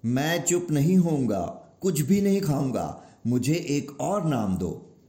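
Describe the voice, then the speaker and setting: A man's voice: fairly high pitch, sing-song, warm tone, echoey room. A man voicing a stubborn wailing divine boy. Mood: defiant. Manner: slow, insistent, defiant. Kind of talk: storybook narration.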